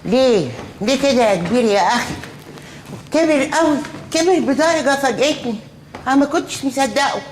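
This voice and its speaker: A whiny, complaining sitcom woman with a high voice. She pleads and protests at a quick clip. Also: expressive, a little hiss or hum. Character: fretful grown woman, sleepy and complaining. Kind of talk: sitcom acting.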